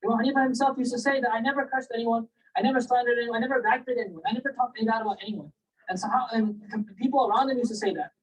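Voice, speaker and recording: Fast-talking husky man telling stories. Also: extremely high pitch. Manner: animated, conversational, asks listeners "right?" and "you know?". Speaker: Islamic lecturer. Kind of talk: casual religious storytelling lecture. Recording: distant mic, poor sound quality.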